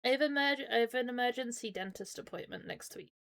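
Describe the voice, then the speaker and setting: A woman's voice: on the high side, quick pace, gravelly, fairly bright tone. A British woman chatting casually as a live streamer, talking through a painfully swollen mouth from dental trouble, in an informal, apologetic way. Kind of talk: casual livestream chat.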